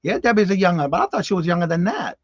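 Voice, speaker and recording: A man's voice: high-pitched, animated, quick pace, no room sound, dull audio. A man in his fifties hosting a casual live-stream morning show, chatting with viewers by name and exclaiming in disbelief. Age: 50s. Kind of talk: casual live-stream chat reading comments.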